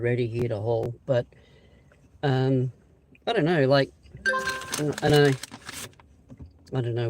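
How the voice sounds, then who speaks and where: An Australian man hosting a casual live-stream chat outdoors beside a railway siding, rambling and hesitant with lots of pauses and restarts. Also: mid-range voice, background noise. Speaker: channel host.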